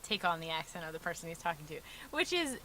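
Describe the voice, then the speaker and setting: A woman's voice: on the low side, big pitch swings, fast, sharp tone. Chatty woman in a noisy backyard. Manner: chatty, laughs along. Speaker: co-host. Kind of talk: casual chat. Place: outdoor backyard. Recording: outdoor mic with background noise.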